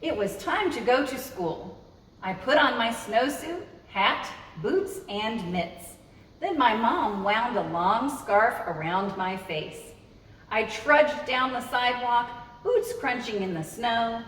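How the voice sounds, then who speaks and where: Taking it slowly, a woman hosts storytime for kids, talking to them directly and expressively with very lively pitch swings. A distant mic captures her in an echoey, spacious room, with some noise present.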